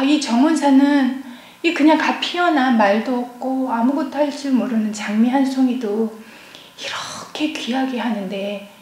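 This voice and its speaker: Earnest woman's church testimony, echoey hall. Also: high-pitched. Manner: earnest, often dropping to a hushed, near-whispered voice. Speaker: church deaconess giving testimony. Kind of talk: personal testimony at a church seminar.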